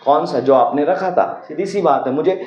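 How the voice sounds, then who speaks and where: A man's voice: fairly high pitch, normal speed. Patient male maths teacher, roomy lo-fi. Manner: patient, repeats key steps, asks and answers own questions. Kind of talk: explaining a maths problem. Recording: roomy, dull lo-fi sound.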